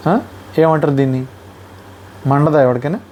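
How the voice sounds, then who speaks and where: A man's voice: a little high, normal speed, a little hiss or hum. A man with a Telugu accent giving a casual review of a reality show episode, retelling it animatedly and acting out what people said. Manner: animated retelling, mimicking contestants' lines.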